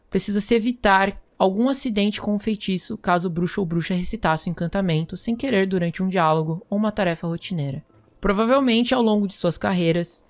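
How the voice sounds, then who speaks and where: A woman playing a magic teacher, lecturing students in a measured, explanatory way. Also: medium pitch. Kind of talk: scripted role-play lecture.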